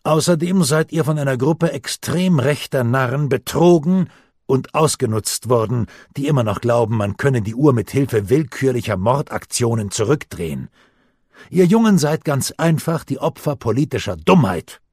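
A stern, commanding middle-aged uncle, read by a man in a husky voice, laying down hard truths to his nephew with rising force. The sound is close and dry. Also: mid-range voice, expressive, normal speed, darkish tone, no echo, pitched above the performer's own voice. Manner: firm, commanding, lecturing.

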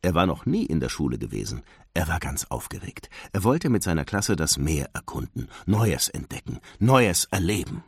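A man reads a children's storybook aloud with a deep, low voice. His delivery is very lively and sweeps up and down in pitch. The sound is dry and close, with no room echo. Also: husky. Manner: expressive, lilting read-aloud narration.

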